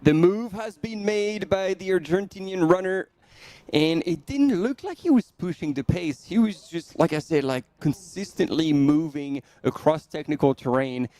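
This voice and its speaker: Male commentator, relaxed and loose, clean resonant voice, dry booth sound. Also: on the high side, normal speed, no room sound. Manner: casual, lots of fillers like "like" and "you know". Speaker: race commentator. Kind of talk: live trail race commentary.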